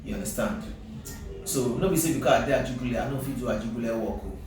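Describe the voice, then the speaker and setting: A man's voice: medium pitch, fast, music in the background. A man with a Nigerian accent talking in an interview, mixing English and Nigerian Pidgin and often checking that he is understood. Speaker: company CEO, interview guest. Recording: very echoey, distant mic, noisy.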